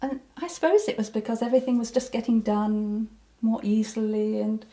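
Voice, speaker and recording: Older lady telling her story, mellow tone, lots of ums and restarts. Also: on the high side, fairly even intonation, normal speed. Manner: hesitant, many ums and restarts, breaks into laughter. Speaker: interviewee. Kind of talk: reflective personal recollection.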